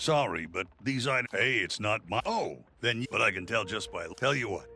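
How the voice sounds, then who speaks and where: Sharp-voiced fussy shopkeeper man. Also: fairly low pitch, expressive, fairly quick, a little hiss or hum. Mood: flustered. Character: brisk, fussy male shopkeeper guarding his goods. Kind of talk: video game character acting.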